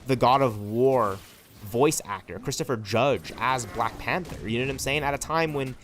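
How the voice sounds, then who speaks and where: There is a little hiss or hum behind this medium-pitched, slightly bright man speaking at a moderate pace. In his twenties, he streams a game and rambles passionately to viewers, adding "right?" and "you know what I'm saying?" to his lines.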